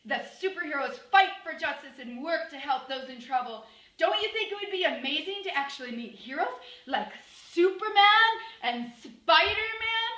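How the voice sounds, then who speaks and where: A woman teacher reading an example friendly letter aloud with excited enthusiasm. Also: sits high, a little fast. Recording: echoey room.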